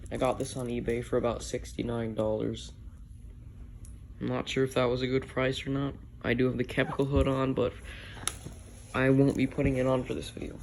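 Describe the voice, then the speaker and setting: A man's voice: medium pitch, gravelly, a little mellow. A man giving a casual, hands-on product review, a little tentative in how he puts things. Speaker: gas mask reviewer. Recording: noisy amateur video.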